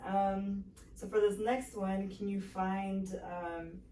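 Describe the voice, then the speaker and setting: A woman's voice: mid-range voice, steady tone, slow pace, warm tone, reverberant, distant mic, a little hiss or hum. A woman working as a home health therapist, guiding a patient through exercises with patient, encouraging instructions and frequent fillers. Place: home kitchen and pantry.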